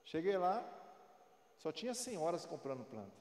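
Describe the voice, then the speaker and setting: A man's voice: a little high, very animated, moderate pace, a little mellow. Man in his forties preaching, echoey hall. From Brazil. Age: 40s. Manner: storytelling, conversational, preachy. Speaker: pastor. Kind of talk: sermon. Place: large church hall. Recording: echoey, reverberant church hall.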